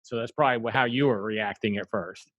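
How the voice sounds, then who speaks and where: A man from South Carolina hosting a podcast, talking in an animated, rambling way full of asides. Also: medium pitch, a little fast, dry recording, highs cut off. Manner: animated and rambling, lots of "you know" asides. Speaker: podcast host. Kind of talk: casual interview chat.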